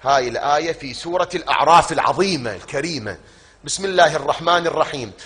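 A man preaching a sermon in an Iraqi Arabic accent, putting questions to the congregation and answering them himself, stretching key words out slowly. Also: on the high side, sharp tone.

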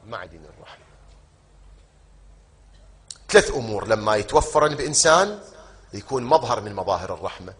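A man with a lowish, breathy-edged voice and lively intonation gives a sermon in an Iraqi Arabic accent. He questions the congregation, supplies the answers himself, and lingers slowly over key words.

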